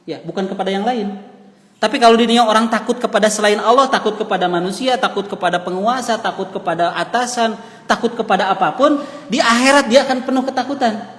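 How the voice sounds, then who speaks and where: A man's voice: sits high, fast talker, a bit bright. A man with a Sundanese accent giving a mosque lecture, telling a story and reciting Arabic lines that he then translates. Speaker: religious teacher. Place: mosque hall. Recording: reverberant mosque hall.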